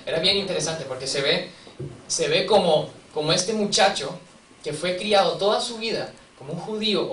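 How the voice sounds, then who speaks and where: Storytelling preacher heard from across a roomy church. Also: male voice, fairly high pitch, a bit bright, a little hiss or hum. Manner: conversational storytelling, acting out quotes, asking the congregation questions. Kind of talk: sermon. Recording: distant mic in a reverberant church, faint ambience.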